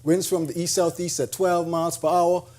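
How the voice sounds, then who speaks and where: A man's voice: a little high, little pitch movement, moderate pace, a little mellow. A man with a Bahamian accent presenting the weather forecast in an upbeat, chatty way. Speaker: meteorologist.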